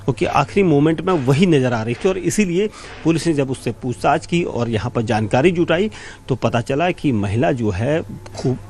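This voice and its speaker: A man's voice: on the high side, lively intonation, moderate pace, a little mellow, slight background noise. A man giving an unscripted breaking news report, explaining step by step and often repeating himself.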